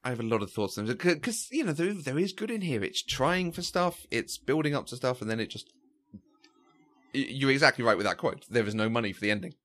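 A brisk, mid-range male voice belongs to a podcast co-host in casual chat. He tells stories in a chatty, animated way, full of fillers and restarts.

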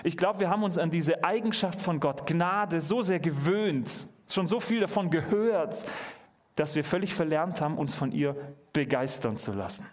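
A man preaching to a youth congregation in a church hall, speaking with a fairly high voice. He is earnest and keeps turning to his listeners with direct questions. When a point matters he climbs higher and speeds up. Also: normal speed. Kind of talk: sermon.

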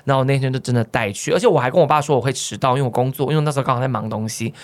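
Guy on a podcast, talks fast, animated, laughs a lot mid-story. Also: medium pitch. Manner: animated, laughs often while telling stories. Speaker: podcast co-host. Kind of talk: casual storytelling chat.

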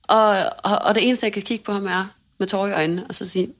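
A woman co-hosting a podcast, telling a story in a lively, self-mocking way and acting out what people said. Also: medium pitch. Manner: animated, self-mocking storytelling with quoted dialogue. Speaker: podcast co-host. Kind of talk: casual storytelling chat.

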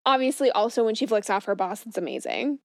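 A woman's voice: mid-range voice, very animated, fast, dry recording. Woman co-host for a casual film podcast, mid-range voice, chatty delivery, very dry small-space sound. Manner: conversational, chatty. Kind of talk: casual movie discussion podcast. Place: small closet, dry close recording.

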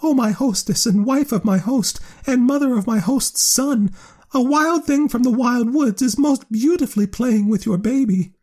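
A man voicing a little bat in a storybook reading, pitching his voice far higher and louder than his own. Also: moderate pace, breathy edge. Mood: fawning. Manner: shrill, much higher and louder than the reader. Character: little upside-down bat, shrill and fawning.

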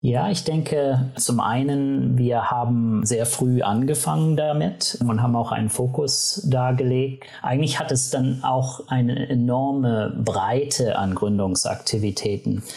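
Male interview guest, North American accent in German, native English speaker, halting spontaneous answers, medium pitch. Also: gravelly, a little mellow. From Canada. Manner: hesitant, halting phrasing. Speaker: university vice president, interview guest.

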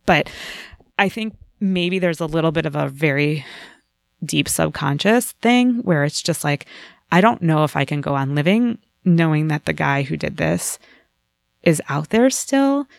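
A woman in casual podcast chat, telling a story in an animated way and acting out the lines of the people in it. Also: low-pitched, a little slow, creaky, no echo. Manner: animated storytelling with voiced quotes.

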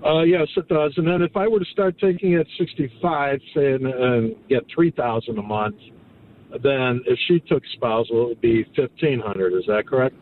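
A man in his sixties calls in over the phone with a question, talking carefully and haltingly as he works through numbers. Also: mid-range voice. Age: 60s. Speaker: caller. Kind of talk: call-in radio question. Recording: tinny phone line with faint noise.

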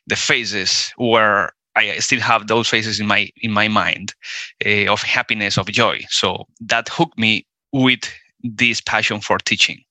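A man's voice: on the low side, pushed and bright, dry recording. A man in his forties from Colombia with a Colombian Spanish accent, a Spanish native speaker talking as a guest in an interview, hesitant, with many fillers and restarts. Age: 40s. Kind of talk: casual interview conversation.

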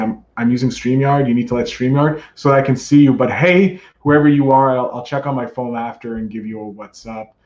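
A man's voice: mid-range voice, a little mellow. A man hosting a casual live-streamed podcast, addressing listeners like a ringmaster with showy announcements. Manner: ringmaster-like showman greetings, drawn-out announcing. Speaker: podcast host. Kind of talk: live-streamed solo show, casual chat. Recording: roomy, dull lo-fi sound.

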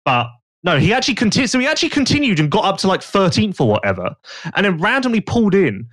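A man's voice: high voice, fast. A man, hosting a podcast and chatting casually with gossipy storytelling. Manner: gossipy, animated storytelling with put-on quoted voices. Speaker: podcast host. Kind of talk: casual chat.

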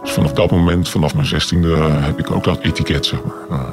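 A man in his forties being interviewed on radio, his voice disguised by a deep pitch-shift distortion. He talks hesitantly and deliberately, with many filler sounds. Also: steady tone, music in the background. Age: 40s. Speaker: anonymous interviewee.

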